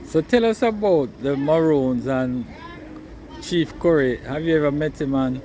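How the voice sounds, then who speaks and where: A man conducting a casual interview with brief, unhurried prompts and murmured agreement. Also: on the high side, warm tone. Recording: faint outdoor traffic noise.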